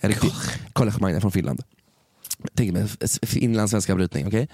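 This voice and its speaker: Male co-host, relaxed slangy storyteller, dead dry sound. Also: lowish voice, no echo. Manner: laid-back and slangy, swears and mixes in English. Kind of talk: casual chat, telling a party story.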